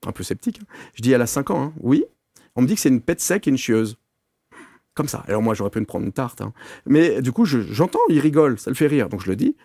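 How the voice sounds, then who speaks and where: Gravelly French man telling anecdotes. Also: medium pitch, dry recording, studio quality. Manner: animated anecdotes with many fillers and restarts. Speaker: medium, interview guest. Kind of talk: casual interview storytelling.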